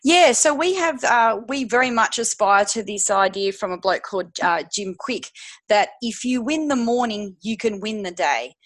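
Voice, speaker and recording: A woman co-hosting a podcast, relaxed and conversational. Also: mid-range voice, moderate pace. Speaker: podcast co-host. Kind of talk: casual podcast chat.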